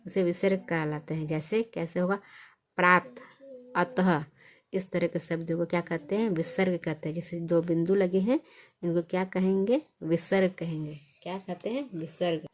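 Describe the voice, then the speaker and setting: A woman's voice: on the low side, warm tone. Woman teaching Hindi letters. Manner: asks questions and answers them herself, repeats sounds slowly. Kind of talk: basic Hindi reading lesson.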